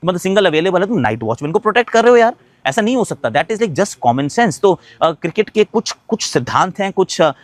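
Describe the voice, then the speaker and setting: A man's voice: sits high, sing-song, fairly quick, few pauses, dry recording. A man giving a casual cricket reaction, mixing Hindi and English with emphatic points and frequent hesitant fillers. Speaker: cricket commentator.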